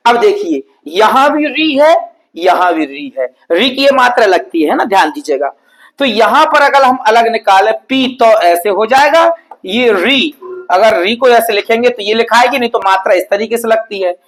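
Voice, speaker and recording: A man teaching an exam-prep grammar lesson at a board, explaining patiently and repetitively, sounding out example words slowly and often checking in with his students. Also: high-pitched, lively intonation, fairly bright tone, poor audio. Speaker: Sanskrit teacher.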